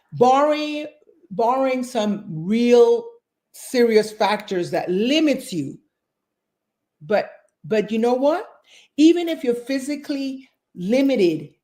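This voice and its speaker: Emphatic woman in her sixties, higher voice. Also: a little mellow. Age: 60s. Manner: emphatic, repeats phrases for emphasis. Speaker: fitness and nutrition coach. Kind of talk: interview guest.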